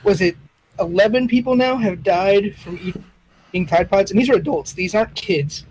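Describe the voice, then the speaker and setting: A man's voice: sits high, animated, normal speed, a little mellow, breathy edge, poor audio. A young man co-hosting a comedy podcast, talking casually with an incredulous tone, often repeating and stumbling over words. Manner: incredulous, repeats himself, stammers. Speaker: podcast co-host. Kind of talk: casual chat.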